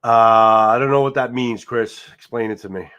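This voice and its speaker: A man with a New York Italian-American accent hosts a casual livestream from a chair at home, wandering through viewer comments with repeated words and offhand swearing. His medium-pitched voice is smooth and fairly bright, with fairly even intonation at a normal speed, though the audio sounds dull.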